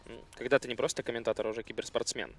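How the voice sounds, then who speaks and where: A man's voice: mid-range voice, level tone, rapid-fire, over music. A man giving live analytical game commentary, explaining plays in a slightly hesitant way. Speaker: esports commentator.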